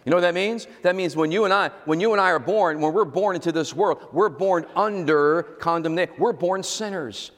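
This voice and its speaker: A male pastor preaches to his congregation, explaining a word slowly and then repeating it. He checks that his listeners follow and asks them to say it back to him. His voice sits a little high and carries a long hall reverb. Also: a bit bright. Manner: teaching, repeats key words, asks the congregation to respond. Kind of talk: sermon.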